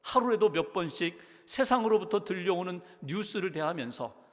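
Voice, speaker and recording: Lively high-voiced preaching pastor. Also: male voice, moderate pace, big-room sound. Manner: earnest preaching with rhetorical questions. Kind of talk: sermon. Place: church sanctuary.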